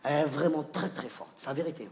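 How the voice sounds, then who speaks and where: A man, doing stand-up comedy on a theatre stage, animated and stammering between shouted bits. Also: fairly high pitch, fast talker. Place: large theatre stage before a live audience. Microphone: stage microphone. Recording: roomy theatre echo with audience noise.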